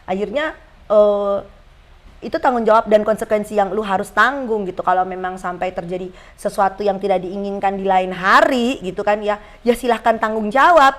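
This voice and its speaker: A woman in her forties, a guest on a casual chat, telling her story in a slangy, lively way. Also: mid-range voice, moderate pace. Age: 40s. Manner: lively storyteller who acts out quoted voices; slangy, chatty.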